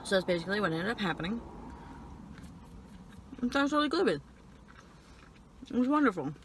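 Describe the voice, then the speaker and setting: A young woman telling personal stories casually while eating and chewing, in halting phrases peppered with "like". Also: mid-range voice, very animated, a little hiss or hum, rough recording. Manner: frequent filler "like", halting stop-and-start phrasing. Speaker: vlogger. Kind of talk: casual personal storytelling chat.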